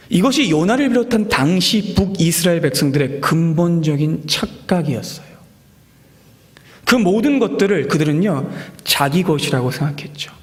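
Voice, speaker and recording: High-voiced man preaching in an echoey hall. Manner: animated, acts out quoted voices, drops to whispers. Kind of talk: expository sermon. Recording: echoey hall with long reverb.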